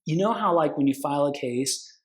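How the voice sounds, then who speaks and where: A middle-aged male attorney with a slightly higher-than-usual voice tells a courtroom story in a loose, animated way. He swears freely, leans on filler words and jumps into acted-out dialogue as he goes. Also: fairly quick. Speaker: consumer protection attorney, guest. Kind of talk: casual storytelling conversation.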